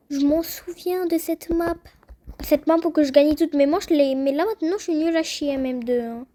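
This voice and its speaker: A young woman giving chatty, excitable gameplay commentary and talking straight to her viewers. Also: sits high. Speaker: gaming youtuber.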